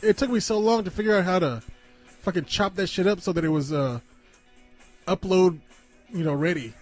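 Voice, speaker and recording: A man's voice: sits high, moderate pace, a little mellow, soft background music. A man co-hosting a podcast with casual, swear-heavy banter. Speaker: podcast co-host.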